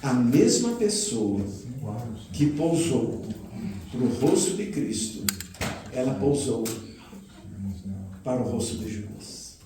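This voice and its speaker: A man preaching a sermon as a pastor, telling a story with acted-out dialogue and dropping to a hush at the key lines. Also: mid-range voice, sing-song, slow, long pauses. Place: church retreat hall. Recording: echoey hall, mic at a distance, faint noise.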